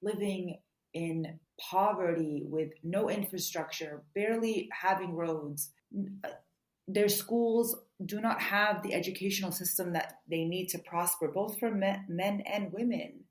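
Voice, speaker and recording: Low-voiced woman, earnest and quick. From United States. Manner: earnest, quick, many "you know" fillers. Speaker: author being interviewed. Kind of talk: podcast interview answers. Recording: roomy echo.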